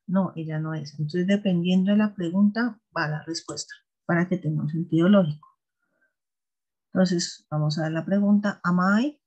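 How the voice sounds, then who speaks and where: A teacher walks students through a grammar lesson at an even, mid-range pitch. The voice is a little husky, and the delivery is patient, with frequent pauses to check that everyone is following. The recording sounds dull and lo-fi. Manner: patient, checks understanding with repeated "¿listo?". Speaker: English teacher. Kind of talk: recorded class explanation.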